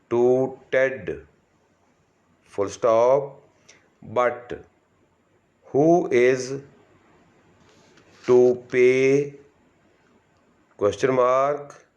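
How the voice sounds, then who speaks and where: A man who works as a shorthand trainer gives slow school dictation, reading word by word with long pauses and saying punctuation marks aloud in a measured, deliberate way. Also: medium pitch, darkish tone.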